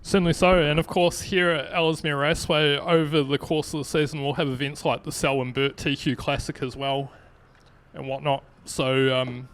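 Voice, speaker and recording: A man, a co-commentator giving relaxed, measured analysis of the speedway racing. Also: fairly high pitch. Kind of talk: live motorsport commentary. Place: outdoor speedway commentary position. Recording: faint speedway noise behind.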